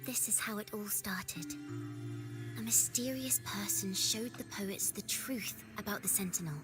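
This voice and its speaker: In video game voice acting, a woman plays a young female performer recounting her past in a solemn, storytelling way. Her medium-pitched voice moves at a measured pace and is lightly acted, with music playing behind in the game audio.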